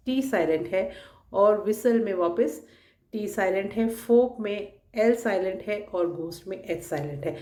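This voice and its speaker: A woman's voice: mid-range voice, darkish tone, reverberant. A woman teacher, patiently walking students through a worksheet step by step. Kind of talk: explaining a worksheet lesson.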